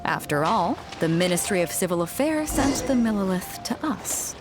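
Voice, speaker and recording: A woman's voice: medium pitch, sing-song, moderate pace, over music, lightly acted. A woman playing a confident, easygoing fleet captain in a video game, with a self-assured, wry, playful manner. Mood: wry, confiding.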